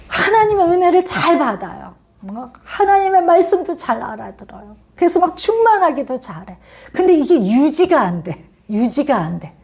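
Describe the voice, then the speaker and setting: A woman preaching from the pulpit in a high voice that rises and falls widely. She presses her points with earnest repetition. She drops now and then into hushed, near-whispered asides. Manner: earnest and emphatic, repeating key phrases; swings between lifted exhortation and hushed asides. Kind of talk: sermon.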